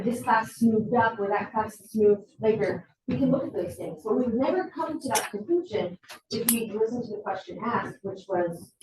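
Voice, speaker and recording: A woman presenting a faculty training talk, lively and acting out what students say, recorded in a college meeting room. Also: a little high. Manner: lively, acts out student quotes. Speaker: workshop presenter. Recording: roomy hall, far from mic.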